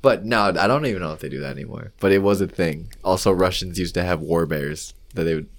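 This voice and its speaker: Man, lower-pitched, jokey, podcast co-host, casual conversation. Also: fast talker, vocal fry. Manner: jokey, laughs often. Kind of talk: casual chat.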